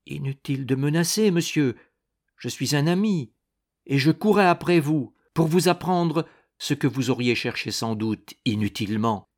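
A man's voice: fairly high pitch, animated, normal speed, pitched above the performer's own voice. A man doing a small secretive steward. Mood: earnest. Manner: earnest, eager to explain.

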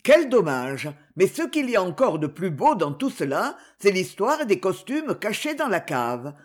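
A woman's voice: mid-range voice, very animated, unhurried, breathy edge. A woman reading the part of a proud, suspicious young king in an audiobook novel. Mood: delighted.

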